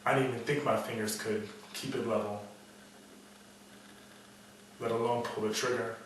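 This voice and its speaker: A man's voice: on the low side, flat delivery, moderate pace, close to an everyday voice. Guy doing a jaded noir detective, world-weary mutter, cynical and brooding, super echoey, kinda far from the mic. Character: world-weary hard-boiled male private investigator, bleak and cynical. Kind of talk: noir dramatic monologue. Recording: echoey room, distant mic, faint noise.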